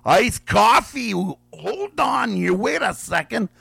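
This man's voice is high-pitched and very animated, with vocal fry, a slightly bright and breathy quality, and no room sound. Hosting a radio call-in guessing game as his voice gives out, he draws out every guess, says it again slowly, and laughs softly.

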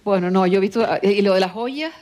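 Woman, interviewer, prompting questions, finishes sentences, frequent backchannel, mid-pitched. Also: brisk, a little mellow. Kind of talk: radio-style interview.

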